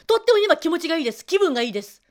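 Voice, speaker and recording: A woman's voice: very high voice, big pitch swings, rapid-fire, pitched above the performer's own voice. A woman acting out a male voice-lesson student who is bubbly, grateful and delighted.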